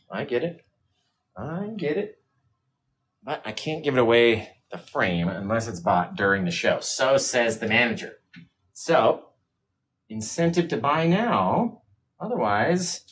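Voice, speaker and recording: A man's voice: medium pitch, fairly bright tone, a little hiss or hum. A man hosting a live painting stream, chatting casually and answering viewer comments. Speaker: painting livestream host. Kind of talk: casual livestream chat. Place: home studio, hot room.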